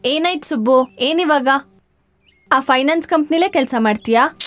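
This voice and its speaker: A bossy young wife. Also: female voice, high-pitched, normal speed, fairly bright tone, dry recording. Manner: bossy, lecturing, teasing. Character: strong-willed young wife who lectures her husband. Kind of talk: TV drama acting.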